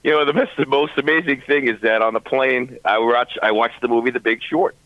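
A man's voice: mid-range voice, steady tone, brisk, a bit bright, no room sound, rough recording. A man co-hosting talk radio with explanatory, conversational commentary. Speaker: radio co-host.

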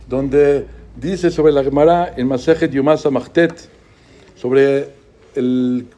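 A man delivers a religious lecture in a preaching manner, often posing rhetorical questions. His voice sits high, yet its tone is dark and mellow. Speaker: religious speaker.

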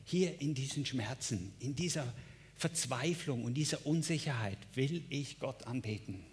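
A man's voice: mid-range voice, expressive, measured pace. A male pastor preaching a sermon, emphatic, with repeated phrases and direct address to listeners.

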